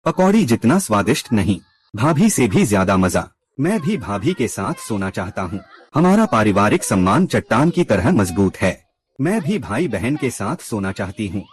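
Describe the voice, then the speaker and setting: Lively male drama recap narrator. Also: on the low side, normal speed. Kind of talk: scripted recap narration voicing all characters.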